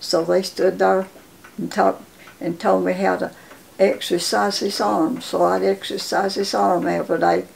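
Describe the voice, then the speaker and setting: Very creaky woman in her nineties, Appalachian accent. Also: medium pitch, flat delivery, low-quality recording. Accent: Southern Appalachian. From Appalachia, southern United States. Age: 90s. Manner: halting, folksy storytelling with repeated words. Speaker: interviewee telling life story. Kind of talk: casual reminiscing. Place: home living room, indoors. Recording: faint background room noise.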